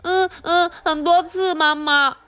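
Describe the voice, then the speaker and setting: A woman doing a slow roaring bully giant. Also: very high voice, fairly even intonation, bright, forceful tone, voice pushed up, heavily acted. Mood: whimpering. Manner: slow, drawn-out roaring threats. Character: huge bullying male giant, later a meek son. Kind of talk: storybook reading.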